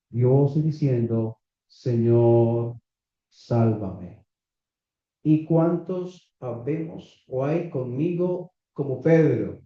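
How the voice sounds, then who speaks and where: Male preacher, unhurried and deliberate, questioning his congregation; roomy, muffled recording. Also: mid-range voice. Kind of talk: sermon. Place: small church meeting room. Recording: echoey, slightly dull church recording.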